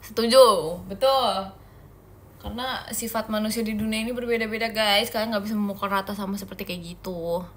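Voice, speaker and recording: Speaking briskly with fairly even intonation, this young Indonesian idol host chats casually on a phone livestream. Her voice is mid-range, and she answers viewer comments in a playful, teasing way.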